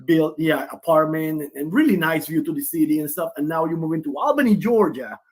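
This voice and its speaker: A forties-aged man, the player's father, is a guest on a remote video call in a casual interview, talking at length and often restarting. His voice is a little high, and he speaks fairly quickly.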